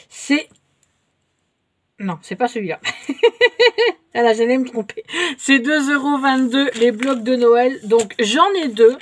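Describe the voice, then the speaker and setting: A French-speaking woman chatting casually to her viewers while showing a shopping haul, with many fillers and little hesitations. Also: mid-range voice. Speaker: haul vlogger. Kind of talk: casual show-and-tell haul.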